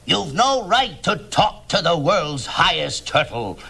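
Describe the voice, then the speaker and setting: A man's voice: fairly high pitch, very animated, slow, creaky, full character voice. A man voicing a pompous, boastful turtle king who bellows orders in a storybook reading. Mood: blustering commands.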